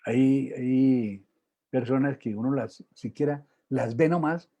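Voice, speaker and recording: A man's voice: medium pitch, slow pace, warm tone. A middle-aged man giving a public talk on emotions and spirituality, conversational, with many tag questions and fillers. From Colombia. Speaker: lecturer.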